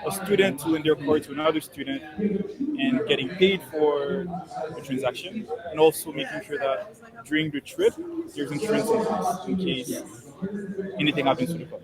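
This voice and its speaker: A man, a startup founder giving a measured conference presentation over a video call. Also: a little high, big pitch swings, creaky, a loud crowd, poor audio. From Haiti. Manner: measured, walks through points in order.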